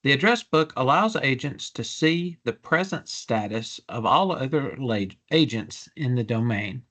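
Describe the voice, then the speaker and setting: Male product demonstrator, average pitch, measured businesslike explainer delivery for a software walkthrough. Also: animated.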